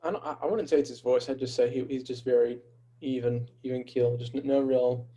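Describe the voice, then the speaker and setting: Easygoing man with a mellow voice. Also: mid-range voice, steady tone, fairly quick, highs cut off. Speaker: podcast co-host. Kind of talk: casual sports chat.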